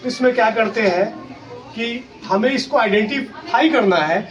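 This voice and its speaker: The sound is lo-fi as a very high-pitched male schoolteacher teaches grammar at a measured pace. He explains in steps, answers the questions he asks, and spells words out letter by letter. The recording was made at a distance in a school classroom, with clear background noise.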